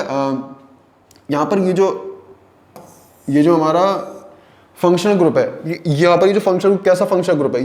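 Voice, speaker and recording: This chemistry lecturer's voice sits high and is a little mellow, captured with a roomy sound. Mixing English terms into Hindi, he asks questions, answers them himself, and repeats important terms.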